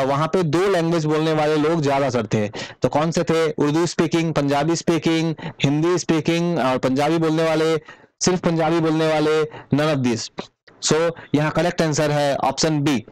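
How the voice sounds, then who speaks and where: A man's voice: on the high side, clean tone, no room sound, poor audio. Man explaining exam answers step by step. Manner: mixes English terms into Hindi. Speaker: teacher. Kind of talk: exam prep lecture.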